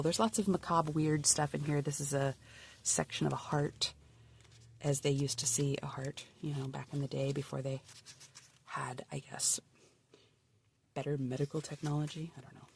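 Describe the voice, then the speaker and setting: A sniffly woman with a cold shows off her handmade journal, chatting casually as she flips the pages, bubbly but often sinking to a murmur. Her voice sits low with fairly even intonation, normal speed, vocal fry, and frequent pauses. A faint hiss or hum runs under the recording.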